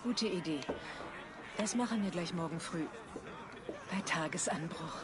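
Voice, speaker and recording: A woman playing a calm, caring Norse warrior mother in a video game. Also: on the low side, measured pace, very noisy, natural voice. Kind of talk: video game drama acting. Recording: loud crowd behind.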